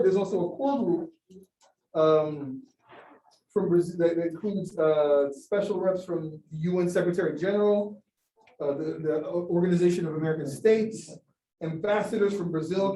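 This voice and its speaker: A man's voice: sits high, dark tone. A man giving a talk and answering audience questions, hesitant with many restarts and fillers. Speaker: guest speaker. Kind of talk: academic Q&A talk. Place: lecture room. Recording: echoey room from far off.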